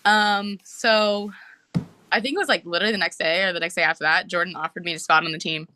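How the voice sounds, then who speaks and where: Bright-voiced young woman telling a story. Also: on the low side, slight background noise. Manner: animated, fast storytelling with many "like"s. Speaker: podcast guest, soccer player. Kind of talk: casual storytelling.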